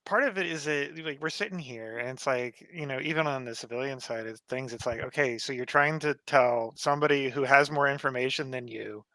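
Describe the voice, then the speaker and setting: A man's voice: medium pitch, brisk, few pauses, bright, forceful tone, no echo. A man in a casual podcast chat, talking earnestly in long, rambling, self-restarting sentences. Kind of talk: casual banter.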